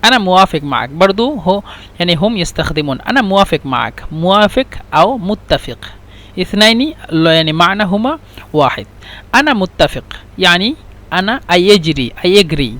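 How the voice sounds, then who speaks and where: A man teaching a language lesson, explaining slowly and repeating phrases, switching between Arabic and English. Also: high-pitched, very animated, a bit bright. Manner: slow, repetitive explanations mixing Arabic and English.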